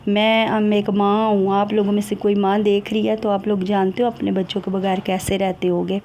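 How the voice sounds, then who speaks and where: Woman vlogger, emotional and confiding, mid-pitched voice. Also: little pitch movement, normal speed, darkish tone, a little hiss or hum. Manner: emotional, confiding, switches between Urdu and Punjabi. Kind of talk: personal vlog talk to viewers.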